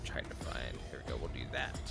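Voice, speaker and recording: A man running a tabletop game as game master, talking casually with quick asides and laughter. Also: bright, forceful tone, in a whisper, faint music behind.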